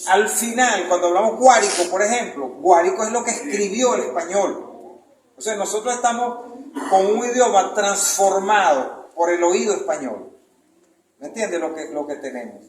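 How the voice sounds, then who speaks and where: High-voiced Venezuelan man lecturing in an echoey room. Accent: Venezuelan Spanish. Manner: rambling, searching for words, asks listeners if they follow. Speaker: chronicler giving a talk. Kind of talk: informal lecture with questions. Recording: echoey room with faint noise.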